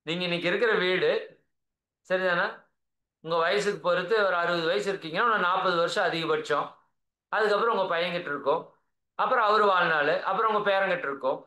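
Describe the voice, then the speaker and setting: A high, bright-voiced man with a Tamil accent leads a spiritual talk over a video call. He speaks earnestly and coaxingly, checking in with his listeners again and again. His voice rings in an echoey room. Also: a little fast. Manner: earnest, coaxing, keeps asking "right?". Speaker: spiritual teacher.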